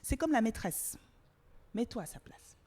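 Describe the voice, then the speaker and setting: A woman's voice: a little high, very animated, measured pace, a little mellow. A woman from Togo, a podcast guest, talking candidly and emphatically in a conversational interview, swearing casually and repeating words for emphasis.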